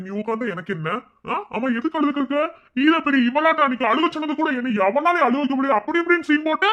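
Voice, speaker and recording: A man voicing a blunt, sarcastic village police inspector with a Madurai Tamil accent and a gruff, scolding way of talking. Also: extremely high pitch, a bit bright, muffled recording. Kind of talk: cartoon voice acting.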